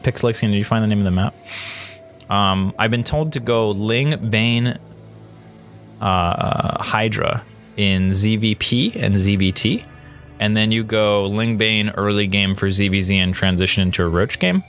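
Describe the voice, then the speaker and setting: Low-voiced man casually commentating his own replay. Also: fairly even intonation, unhurried, fairly bright tone, faint music behind. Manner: thinks aloud, answers viewer questions. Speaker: gaming channel host.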